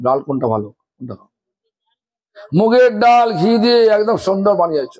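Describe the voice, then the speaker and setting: Husky high-voiced man preaching, scolding. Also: big pitch swings, a little fast, darkish tone, rough recording. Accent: Bengali. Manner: scolding, asks the audience many rhetorical questions. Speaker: guru giving a religious discourse. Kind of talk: sermon.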